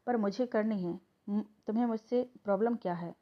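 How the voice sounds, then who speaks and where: A man's voice: high-pitched, brisk, natural voice. A woman voicing a stubborn, hot-headed young husband who speaks curtly and confrontationally, in a slightly dull recording. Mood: demanding. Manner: curt, confrontational.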